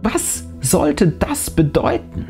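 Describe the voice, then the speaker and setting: A creaky, dark, relaxed male voice, lively in pitch, delivers a scripted first-person horror story like a dramatic storyteller, pausing for suspense. He is the narrator and channel host, and faint music plays in the background.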